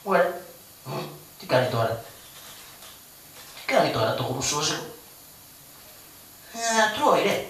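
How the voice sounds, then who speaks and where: A man's voice: fairly high pitch, big pitch swings, pauses often, a bit bright, a little hiss or hum. A man voicing a poor, cowardly, joking male trickster of shadow theatre, who stammers and babbles in fear on a live stage. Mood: puzzled joking. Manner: fearful comic babbling, stammers, calls on his mother. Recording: echoey live stage from a distance.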